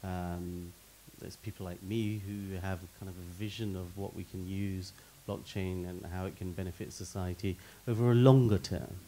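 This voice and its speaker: In a rough recording with a little hiss or hum, a middle-aged man with a deep, warm voice gives a panel answer into a handheld mic on a meeting-hall stage in front of an audience. His intonation is fairly even, his speed normal, and he barely pauses. He speaks expansively, listing examples and often repeating a word as he begins.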